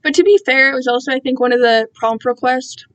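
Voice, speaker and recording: A young woman with a high, brisk voice chats casually on a livestream as an amateur writer reading her own fan fiction. She rambles in a self-deprecating way, full of giggly internet slang.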